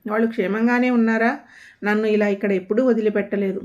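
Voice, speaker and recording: A woman voicing a gentle, trusting elderly mother who pleads softly, on a dull lo-fi recording. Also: medium pitch, steady tone, fast, close to an everyday voice. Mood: pleading. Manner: pleading, soft-spoken. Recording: dull lo-fi audio.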